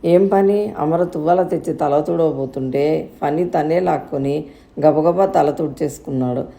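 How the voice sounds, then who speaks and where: Low gravelly woman storyteller. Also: normal speed, mellow. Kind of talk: scripted narration.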